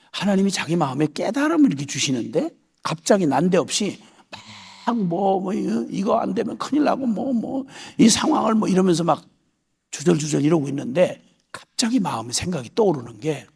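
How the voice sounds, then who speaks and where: A man's voice: high voice, gravelly, breathy edge. A middle-aged man preaching a sermon as a missionary, telling a story and acting out the voices in it. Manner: animated, acts out voices in quoted prayers.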